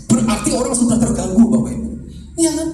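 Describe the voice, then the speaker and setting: High-voiced preacher in an echoey church. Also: male voice, fast. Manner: lively, rises high when quoting cries, asks the congregation questions. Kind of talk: sermon. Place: church service. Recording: echoey room from far off, music behind.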